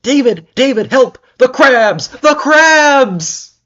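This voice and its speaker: Man putting on a young british woman, teasing, breathy and coy, pulp-novel heroine, dull lo-fi sound. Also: mid-range voice, expressive, quick pace. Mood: shrieking panic. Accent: British (put on). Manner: soft, teasing, then shrieking.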